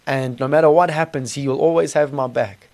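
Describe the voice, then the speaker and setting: A man's voice: medium pitch, fairly even intonation, fairly quick, a little mellow. A man with a South African accent giving a personal testimony in an informal, earnest, conversational way with colloquial slang. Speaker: podcast guest telling his testimony. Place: small studio.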